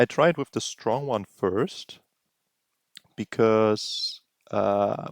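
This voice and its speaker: A man narrating a software tutorial, explaining steps slowly and thinking aloud. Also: lowish voice, dry recording, clean studio sound. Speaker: tutorial host. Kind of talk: screen-recording tutorial narration.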